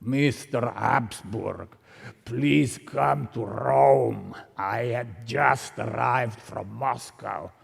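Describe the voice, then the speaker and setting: Lecturer doing a halting Russian émigré dealer with a thick accent, broken english, hall echo. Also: male voice, mid-range voice, creaky, slightly rough, exaggerated voice. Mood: pleading.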